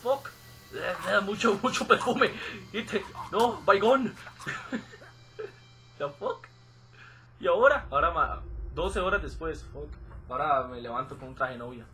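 A man's voice: sits high, takes it slowly, pauses often, pushed and bright, a little hiss or hum. Jumpy, swearing man commentating a game. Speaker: gameplay commentator. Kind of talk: let's play commentary.

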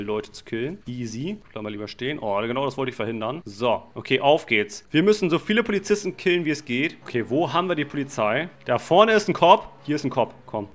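A man giving excited Let's Play commentary on a game, talking to his viewers as friends, with slangy asides and sudden shouted outbursts. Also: medium pitch. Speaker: gaming channel host.

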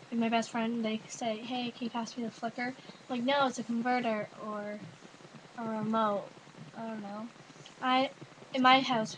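Chatty Canadian young woman on a webcam. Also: on the high side. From Ontario, Canada. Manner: chatty, rambling, says "like" and "I don't know" a lot. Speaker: vlogger. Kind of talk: casual accent tag video reading a word list. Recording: noisy webcam recording.

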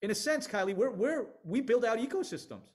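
High-voiced, energetic middle-aged man on a video call. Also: fairly quick. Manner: energetic, emphatic, with frequent restarts. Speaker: venture capital panelist. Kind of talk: online panel discussion.

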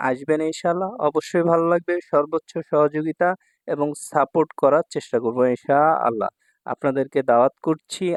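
This man from Bangladesh is teaching Japanese kanji, his somewhat high voice recorded with no room sound. He repeats words and keeps checking on his students, often asking "ঠিক আছে?"

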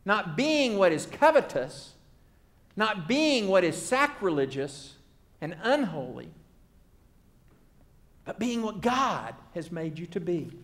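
A man preaching a sermon, earnest and rhythmic, building phrases by repetition and often letting them fall to a soft hush. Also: high-pitched, very animated, takes it slowly, long pauses.

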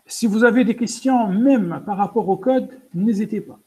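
A programming instructor with a high, mellow voice at normal speed teaches a coding lesson in French, walking through it step by step, speaking straight to his students, using many fillers and restarts. A native French speaker, he apologizes for his English and pronounces English words poorly.

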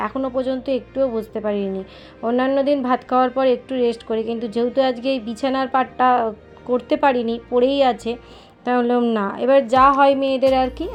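A woman in her thirties chatting casually in a voice-over about her cooking and housework, rambling and losing her train of thought. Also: high-pitched. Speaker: home cooking vlogger.

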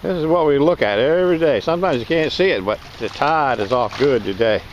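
A man's voice: mid-range voice, brisk, highs cut off, a little hiss or hum. A man wading in shallow water on a beach, chatting casually while he hunts with a metal detector, recorded on a body-worn camera. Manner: relaxed, chatty, laughs often.

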